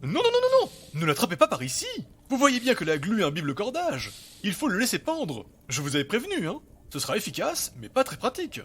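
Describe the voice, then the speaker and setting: A man voicing an eccentric, fussy elf mad scientist in a fantasy audio story, excitable and exclamatory. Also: sits high, brisk, a little hiss or hum, voice pushed up, full character voice. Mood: fussy, scolding.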